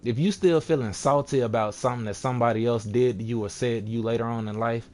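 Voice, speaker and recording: A man's voice: medium pitch, fairly even intonation, fast talker, a little mellow. A young man vlogging in a casual, rambling rant, slipping into sarcastic mock voices as he talks.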